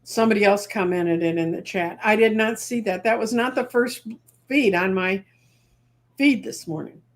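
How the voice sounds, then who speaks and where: A woman's voice: mid-range voice, normal speed. A woman co-hosting a casual live chat, talking at length in a wry, opinionated way. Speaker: co-host.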